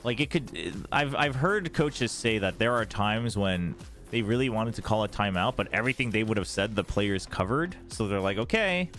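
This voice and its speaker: An East Coast American man hosts a relaxed esports livestream at normal speed, his fairly low voice lively in intonation and fairly bright. As watch party host and analyst he offers casual commentary and chat over faint music.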